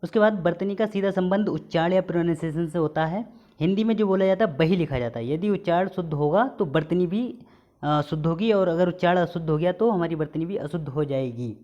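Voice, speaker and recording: A man's voice: high voice, dark tone. A man teaching Hindi spelling for exam prep, calling out a wrong word and then the right one, over and over. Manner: reads word pairs, correct against wrong, with repeated stress. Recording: dull lo-fi recording.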